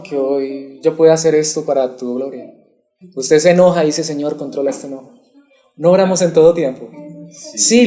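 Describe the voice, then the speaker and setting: Preaching man with a mellow, fairly high voice. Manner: asks the congregation questions and waits for replies. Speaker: pastor. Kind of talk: expository sermon.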